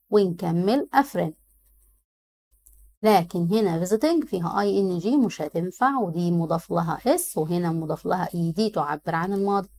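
A woman with an Egyptian Arabic accent, an English teacher going through exam answers. She reads the English options out slowly, then explains them in Arabic. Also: mid-range voice, darkish tone.

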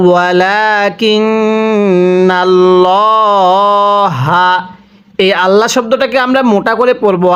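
A man teaching Quran reading in a lesson, spelling out letters and vowel marks one by one before reciting each word slowly, with a Bangladeshi Bengali accent. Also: sits high, lo-fi sound.

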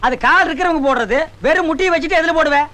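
Village exorcist, high and bright, snaps out insults fast, film comedy. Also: male voice, slight background noise. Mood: scolding. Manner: scolding, mocking, quick-tongued. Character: bossy bragging male village exorcist, middle-aged. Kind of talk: 1990s Tamil film comedy.

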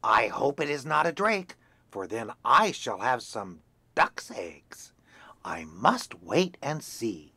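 A man's voice: fairly high pitch, animated, moderate pace, few pauses, pushed and bright, no echo. A man voicing a half-blind, eager old woman in a storybook.

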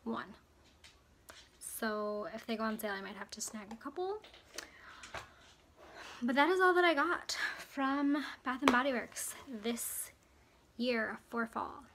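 A woman's voice: fairly high pitch, fairly bright tone. Chatty young woman vlogger, a bit breathless. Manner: chatty, rambling, many fillers and restarts. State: slightly out of breath. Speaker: mom vlogger. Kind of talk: casual haul vlog.

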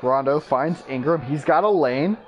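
Male gaming creator with a high voice, casting as a play-by-play sportscaster, brisk clipped calls, excitable on big moments. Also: lo-fi sound, faint music behind. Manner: excitable, voice jumps up on big plays. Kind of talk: mock play-by-play basketball commentary.

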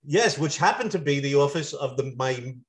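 A man's voice: mid-range voice, lively intonation, moderate pace, rough recording. A middle-aged man, a former police officer, telling stories as a podcast guest in an earnest way, often restarting his words. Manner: earnest, repeats and restarts words when moved. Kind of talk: conversational storytelling.

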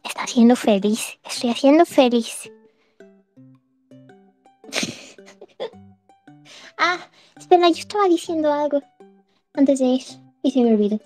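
A woman's voice: high-pitched, lively intonation, a little slow, pauses often, a little mellow, soft background music. A woman streamer chatting casually with her listeners, rambling and giggling often between phrases. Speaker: streamer hosting a live audio chat.

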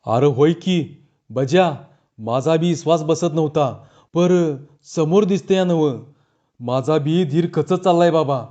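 A man's voice: on the high side, measured pace, dark tone, dull audio, natural voice. A male narrator voicing a boastful village thief who loses his nerve, drawling. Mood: shaken.

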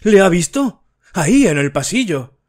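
A man's voice: big pitch swings, takes it slowly, husky, full character voice. A man narrating an audiobook, voicing a frightened middle-aged widow in a frantic, pleading voice. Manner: frantic, pleading, high and strained.

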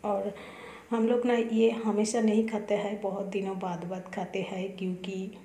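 A woman's voice: medium pitch, level tone, unhurried, dark tone. A woman vlogger chatting casually on an eating show, speaking with her mouth full while chewing. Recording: echoey room with faint noise.

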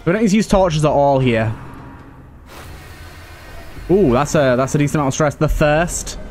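Casually hosting a let's play, a man with a fairly high, slightly mellow voice speaks expressively at a moderate pace, often repeating phrases as he thinks aloud. Soft music plays alongside clear game ambience and effects.

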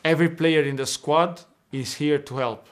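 A young footballer whose first language is Portuguese answers interview questions earnestly over a video call from an indoor locker room, often restarting and repeating words. His voice is on the high side, with a steady tone at normal speed.

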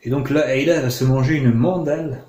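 A man commenting on a video game he plays, joking and sarcastic, breaking into excited outbursts. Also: mid-range voice, a little fast, slight background noise. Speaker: let's play commentator. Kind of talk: casual gameplay commentary. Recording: roomy sound with game music behind.

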